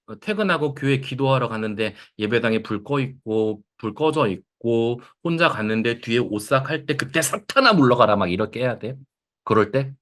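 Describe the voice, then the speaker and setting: A man giving a lively Bible lecture, asking the audience questions and acting out quotes. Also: mid-range voice. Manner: animated, acts out quotes, asks the audience questions. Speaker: Bible lecturer at a counseling center.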